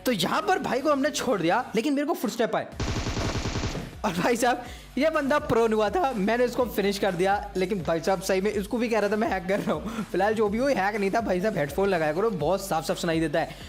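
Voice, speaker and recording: A man's voice: sits high, brisk. Chatty man commentating a mobile game. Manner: chatty, teasing, keeps saying "bhai sahab". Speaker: gaming YouTuber commentating his own match. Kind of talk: casual gameplay commentary.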